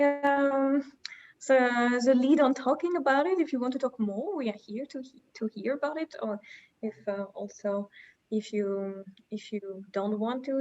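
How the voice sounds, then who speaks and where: A woman's voice: on the high side, darkish tone. A woman hosting a casual online group discussion, upbeat and thanking participants, with frequent restarts. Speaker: host. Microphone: video call. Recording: dull lo-fi video call audio.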